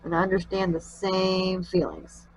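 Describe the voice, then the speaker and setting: A woman's voice: lowish voice, sing-song, measured pace, slight background noise, low-quality recording. A woman with a nasal, allergy-congested voice hosting a craft tutorial, chatting in a homey way as she works. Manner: chatty, homey, talks while working. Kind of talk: casual craft tutorial narration.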